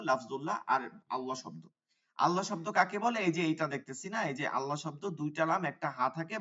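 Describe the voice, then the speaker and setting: A man teaching a Quran recitation class online, explaining letter sounds and drawing out the recitation examples slowly. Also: on the high side, pushed and bright. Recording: dull sound from away from the mic.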